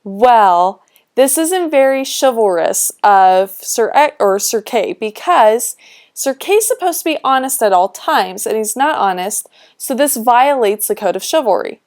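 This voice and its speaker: A woman's voice: fairly high pitch, lively intonation, unhurried, darkish tone. A woman teacher explaining a text in a chatty way, reading old quotes aloud with playful voices. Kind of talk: explaining a text while scrolling a document.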